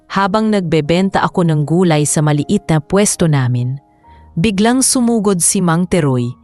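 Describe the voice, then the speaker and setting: A woman narrating a first-person love story in a calm, reflective, scripted way. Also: deep voice.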